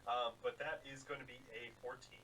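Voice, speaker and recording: A man's voice: medium pitch, little pitch movement, fairly quick, pushed and bright, rough recording. A man playing a tabletop game, talking through his moves and dice rolls. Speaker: player.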